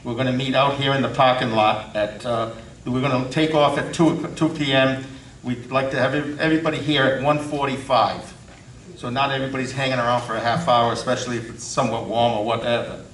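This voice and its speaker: Halting man reporting in an echoey room. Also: mid-range voice, fairly even intonation, a bit bright. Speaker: board member giving a report. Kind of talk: informal committee report and announcements. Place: indoor meeting room, far from mic. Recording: distant, echoey room with faint noise.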